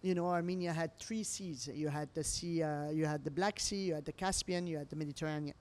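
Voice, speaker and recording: This middle-aged restaurant owner from Lebanon has a deep voice and a brisk pace. Interviewed during a meal, she talks expressively in imperfect, non-native English, like a lively storyteller.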